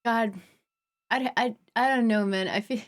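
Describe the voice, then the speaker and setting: A woman livestreamer with a somewhat high voice. She talks casually to her chat, rambling and playful. Her delivery is jokey and informal. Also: measured pace. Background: mission broadcast talking underneath.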